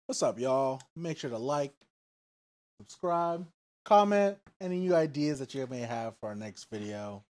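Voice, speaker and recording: A man's voice: medium pitch, expressive, a little slow, a little mellow. A man co-hosting a podcast in casual chat, laid-back and hesitant, with many fillers. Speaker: podcast co-host.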